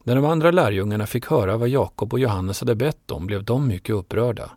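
A man reading a Bible story aloud in scripted narration, steady and even. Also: medium pitch, dry recording, studio quality. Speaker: reader.

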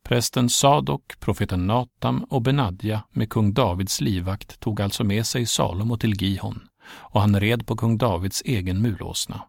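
A man narrating a Bible story in a steady, measured scripted reading. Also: on the low side, gravelly, no echo, studio quality.

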